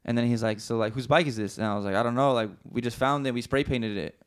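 A man tells a story in loose podcast chat, words tumbling out quickly. He rambles, swears freely and restarts his sentences often. His pitch sits in the middle of the male range. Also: clean tone. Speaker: podcast co-host. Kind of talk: casual storytelling.

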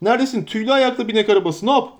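A man reading aloud and voicing a stout, bustling, forgetful middle-aged innkeeper who chatters in a hurried, flustered way. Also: high voice, voice pushed up, close to an everyday voice. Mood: bossy.

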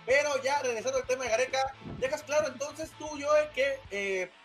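A man's voice: very high voice, a little fast, a bit bright, faint music behind. Playful teasing man on a football show. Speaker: co-host. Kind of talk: casual football chat.

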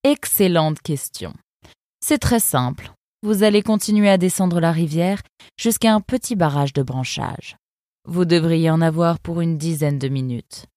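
A woman's voice: deep voice, darkish tone, dry recording, clean studio sound. A woman voicing a tall tattooed female fox who talks in a blunt, offhand, cynical way in a storybook.

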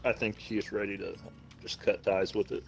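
A man with a drawl chats loosely with friends during a game. His voice sits low and unhurried, with a faint lisp on some sounds. Soft background music runs under him. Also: little pitch movement, vocal fry. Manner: laid-back, swears freely, slight lisp from a new denture. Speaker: gamer chatting with friends. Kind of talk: casual gaming voice chat.

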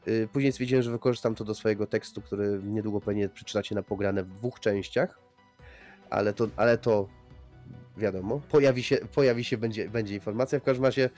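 A man's voice: on the low side, fairly even intonation, brisk, a little mellow, faint music behind. A man hosting a casual podcast discussion, talking in a rambling way and often repeating himself. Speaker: podcast host.

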